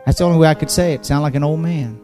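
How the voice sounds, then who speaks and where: A man's voice: on the high side, racing, mellow, in a large hall, faint music behind. A man preaching a sermon in a church, impassioned, repeating phrases and building emphasis. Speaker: pastor. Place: church sanctuary.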